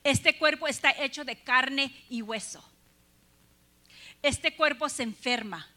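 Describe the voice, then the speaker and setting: A woman's voice: high voice, slow pace, sharp tone. Earnest woman preacher. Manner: earnest, addresses listeners with rhetorical questions. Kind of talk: sermon.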